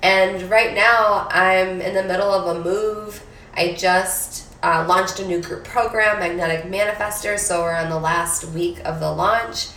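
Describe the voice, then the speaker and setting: A woman talks to her live-stream viewers in a chatty, upbeat way, sometimes swearing, her voice nasal from a cold and a little low. She sits back from the mic in an echoey room with faint noise behind her. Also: fairly even intonation, measured pace, bright, forceful tone, distant mic. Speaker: manifestation coach. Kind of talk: casual live stream talk.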